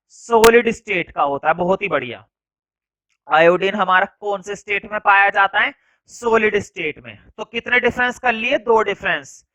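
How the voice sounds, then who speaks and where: A man's voice: sits high, sharp tone, rough recording. A male science teacher dictating class notes, repeating phrases word by word and adding casual asides with tag questions.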